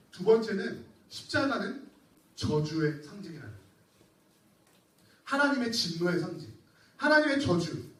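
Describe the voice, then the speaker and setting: A male pastor preaches in a high, lively voice, asking the congregation questions and dropping joking asides. The sound is roomy and echoey, as in a church hall heard from a distance. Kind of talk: sermon to a youth group.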